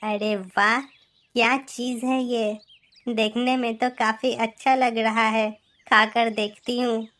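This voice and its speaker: A woman's voice: flat delivery, slow, fairly bright tone. A woman voicing a lost young star fallen from the sky in a children's cartoon, in a raised, wondering voice. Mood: hungry, curious. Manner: higher put-on voice, wondering.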